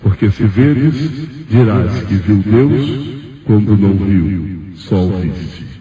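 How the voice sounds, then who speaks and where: A man putting on slow solemn heavenly voice. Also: fairly low pitch, expressive, mellow, soft background music, voice pushed down. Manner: slow, solemn, drawn-out phrasing. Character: Jesus, slow deep solemn male heavenly voice. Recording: echoey, distant, dull lo-fi church recording.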